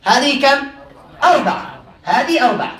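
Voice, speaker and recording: Male teacher with a high voice, quizzing students and laughing, recorded from a distance in an echoey classroom. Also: lively intonation, normal speed, fairly bright tone. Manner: quizzes students and repeats their answers, often laughing. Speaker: religious teacher. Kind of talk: classroom grammar lesson. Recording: roomy sound from a distant mic.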